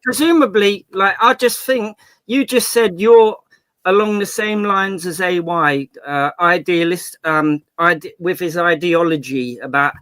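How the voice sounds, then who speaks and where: A man's voice: high-pitched, measured pace, a bit bright, no room sound. A man questioning confrontationally, pressing his point with hesitant fillers. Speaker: interviewer.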